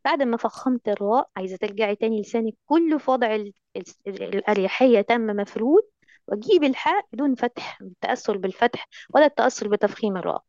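Woman recitation teacher, Egyptian accent, brisk and coaxing, dry lo-fi call audio. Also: on the high side, animated, a little mellow, no echo. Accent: Egyptian Arabic. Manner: affectionate, coaxing, heavy on endearments. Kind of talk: online recitation lesson.

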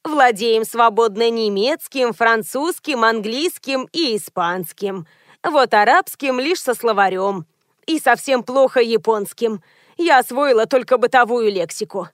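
A woman's voice: a little high, unhurried, dry recording, clean studio sound, close to an everyday voice. A woman reading aloud and voicing a fussy, talkative elderly woman who likes to show off what she knows. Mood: chatty. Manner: lively and talkative. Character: fussy chatty elderly woman, a know-it-all.

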